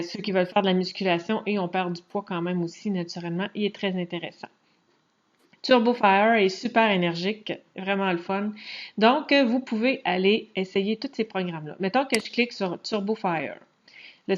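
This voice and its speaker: A woman with a Quebec French accent giving a casual, chatty screen walkthrough tutorial, pausing often to hesitate as she talks. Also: mid-range voice. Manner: chatty, relaxed, frequent hesitations. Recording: dull lo-fi recording.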